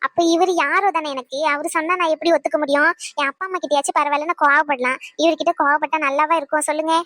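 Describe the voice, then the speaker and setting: A woman's voice: sits high, steady tone, fast, fairly bright tone, no room sound. A woman voicing a cheerful, loving pregnant young wife in a cartoon, coaxing and teasing her husband. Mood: playful. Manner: coaxing, playful, giggly. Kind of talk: cartoon voice acting.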